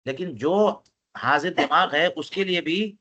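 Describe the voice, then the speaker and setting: A man's voice: fairly high pitch, sharp tone, dull audio. A man teaching a religious text to students, reading Arabic passages aloud and explaining them line by line, often asking his listeners questions. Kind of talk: classroom text commentary.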